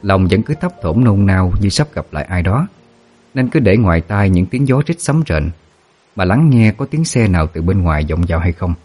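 A man narrating a ghost story in a steady, dramatic way. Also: low-pitched, moderate pace, slightly rough, faint music behind.

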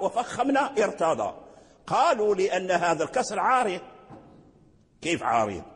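A man with a Moroccan accent teaching Quran recitation rules in a religious lecture, repeating words and answering his own questions. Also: high-pitched. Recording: long hall reverb.

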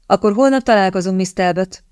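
A woman's voice: medium pitch, darkish tone, clean tone, no room sound, natural voice. Woman reading stern young lord, cutting, suspicious, dry close voice. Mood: cool cutting. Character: stern, sharp-tongued young English lord.

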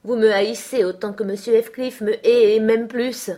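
A woman's voice: on the high side, steady tone, moderate pace, warm tone, voice pushed up, lightly acted. A woman reading a French audiobook and voicing a moody, petulant young woman who pleads and begs. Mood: tearful. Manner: pleading and imploring. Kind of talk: audiobook character voice.

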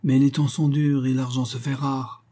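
A man reading aloud and voicing a fawning, shrewd old male banker with a nasal, whining voice, in a low husky register. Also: normal speed, warm tone.

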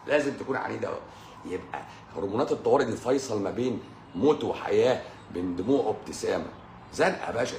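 A man's voice: medium pitch, fairly bright tone. Emphatic Egyptian man in an echoey room. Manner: emphatic, repetitive, addresses listener as "pasha". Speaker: doctor hosting a live stream. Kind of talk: informal live-stream health talk. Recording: roomy echo, faint background noise.

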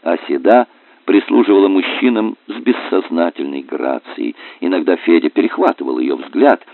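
A man narrating an adventure novel in a measured, even storytelling manner. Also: low voice, no room sound. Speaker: audiobook narrator. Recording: dry, narrow phone-like sound.

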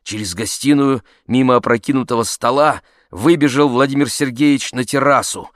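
A man's voice: mid-range voice, normal speed, dry recording. Male audiobook narrator, dry sound. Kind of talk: scripted narration.

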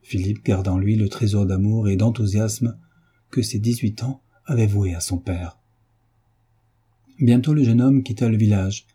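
Guy reading an old novel out loud, low voice, really husky and muffled-dark. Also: moderate pace. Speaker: audiobook narrator. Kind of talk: scripted literary narration.

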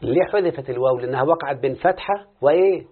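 A man's voice: medium pitch, very fast, breathy edge. A man teaching Arabic morphology with an Egyptian accent, quizzing his student and repeating the answers back to him. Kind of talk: classroom lesson with questions to a student. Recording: phone-like lo-fi audio.

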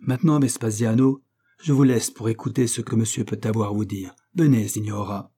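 A man's voice: fairly low pitch, fairly even intonation, brisk, mellow, husky. A man voicing a proud, righteous nobleman and sea captain who speaks with stern, declamatory force. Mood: indignant.

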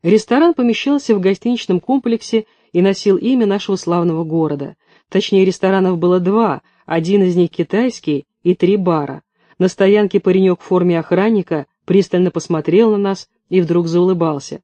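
A man reading a novel aloud in steady scripted narration. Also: sits high, normal speed, dry recording. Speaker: audiobook reader.

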